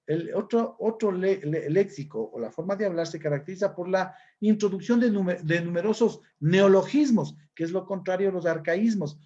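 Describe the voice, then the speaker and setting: Ecuadorian teacher, dark muffled voice. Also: male voice, sits high. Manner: explanatory, often adds "¿no es cierto?". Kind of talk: recorded class lesson.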